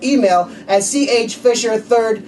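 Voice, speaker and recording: A man co-hosting a casual show, giving quick excitable plugs and rapping. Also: extremely high pitch. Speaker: co-host. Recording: faint noise, mic at a distance.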